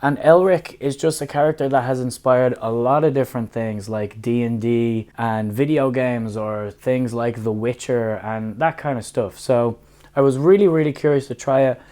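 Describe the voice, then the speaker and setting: Hoarse man with a smoker's rasp. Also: mid-range voice, fairly even intonation, normal speed, warm tone. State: hoarse, getting over laryngitis. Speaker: book review vlogger. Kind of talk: casual scripted-outline book review to camera.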